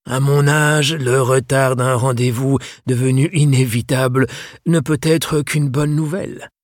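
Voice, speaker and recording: A refined old English bookseller, as a male narrator puts him on, speaking French with an English accent. The voice sits well above the reader's own, husky at the edges and dry, with every phrase measured and formal. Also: mid-range voice, fairly even intonation, no echo, pitched above the performer's own voice, natural voice. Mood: courteous, genteel. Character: elderly courteous English bookseller man.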